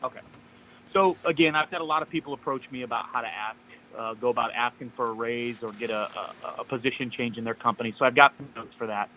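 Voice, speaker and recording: A man's voice: medium pitch, fast talker, bright, forceful tone, slight background noise. A man calling in by phone on speaker, giving upbeat step-by-step advice in a casual chat. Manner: upbeat, gives step-by-step tips. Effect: heard over a phone line on speaker. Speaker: caller.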